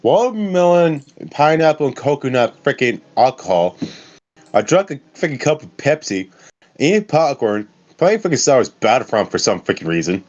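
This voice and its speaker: A man's voice: medium pitch, big pitch swings, moderate pace, a little mellow. A man co-hosting a casual stream, joking and swearing playfully. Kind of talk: casual chat. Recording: dull lo-fi mic.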